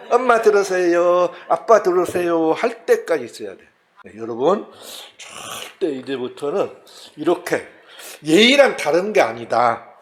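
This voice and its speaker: Animated Jeolla-accented male pastor. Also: on the high side. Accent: Jeolla Korean. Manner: animated, acts out scenes with voices and laughs. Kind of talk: Sunday sermon.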